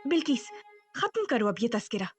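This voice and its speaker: An actress playing a proud young granddaughter who gives curt commands. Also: female voice, a little high, sing-song, moderate pace, breathy edge, dry recording, faint music behind. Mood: irritated. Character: proud, bossy young woman, chieftain's granddaughter.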